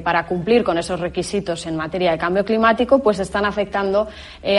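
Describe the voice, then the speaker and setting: A woman interviewer speaks in a medium-pitched voice with an accent from Spain. She frames questions for her guest and responds to the answers. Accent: Spanish, from Spain.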